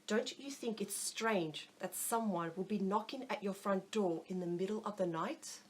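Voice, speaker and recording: A woman voicing a calm female doctor in an audiobook narration, speaking in a steady, instructive and reassuring way. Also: medium pitch, moderate pace, breathy edge, lightly acted.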